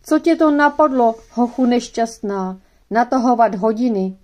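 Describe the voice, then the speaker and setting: A woman's voice: fairly high pitch, dark tone, lightly acted. A woman voicing a worried mother scolding her little boy in a children's audiobook. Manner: reproachful.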